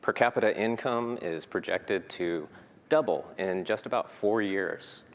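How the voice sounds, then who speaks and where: A man with a fairly low voice delivers a prepared conference talk at an unhurried pace, sounding earnest and using frequent "um" fillers. The conference hall is reverberant, with faint noise in the recording.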